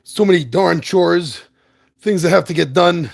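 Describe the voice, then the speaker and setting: A man's voice: high-pitched, a little slow, vocal fry. A man hosting a board game video, talking casually and rambling with lots of fillers, a little out of breath. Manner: rambling, self-deprecating, chatty with fillers. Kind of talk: casual chat to a live audience. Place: apartment.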